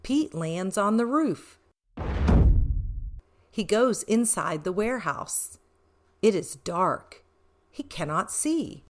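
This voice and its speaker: A woman with a lowish voice reads a children's picture book aloud as a storyteller. Her delivery is expressive and deliberate, emphasizing short phrases.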